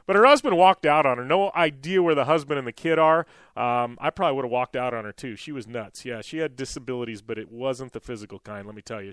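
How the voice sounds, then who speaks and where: Male radio host, slightly high voice, dry studio sound, chatty storyteller. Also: clear, resonant tone, no echo. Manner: animated, digressive anecdote-telling with fillers. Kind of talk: casual storytelling monologue.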